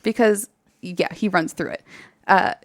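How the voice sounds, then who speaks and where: Brief: woman podcast host, animated storyteller, dry close mic. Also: medium pitch, measured pace, no echo. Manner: animated, laughs often, acts out quotes. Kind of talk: casual storytelling chat.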